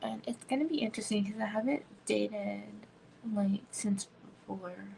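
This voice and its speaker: Woman in her thirties, home livestream host, gravelly voice, rambling chatty delivery full of "like". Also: medium pitch, moderate pace, mellow, a little hiss or hum, rough recording. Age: 30s. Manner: rambling, frequent "like" fillers, drops into whispers. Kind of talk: casual chat.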